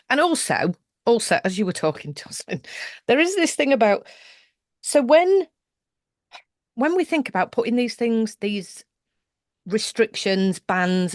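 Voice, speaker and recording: A British woman leads a conversational interview in a steady middle register. Her voice sounds dry and close, with little room around it. She thinks aloud, doubling back with restarts and asides as she builds a question. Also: mid-range voice, dry recording. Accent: British English. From United Kingdom. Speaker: podcast host.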